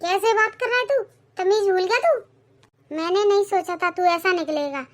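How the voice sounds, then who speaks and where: A voice actor playing a stern old grandmother in a Hindi cartoon, shrill and commanding as she scolds her family. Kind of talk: cartoon voice acting.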